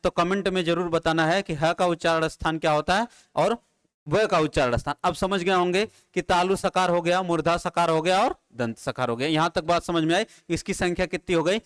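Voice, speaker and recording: A man's voice: high-pitched, brisk, a bit bright, clear, resonant tone. A man teaching Hindi grammar at a board, asking his students questions and answering them himself in repeated drills. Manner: addresses students familiarly, drilling terms. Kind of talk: classroom lecture at a board. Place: classroom with a board.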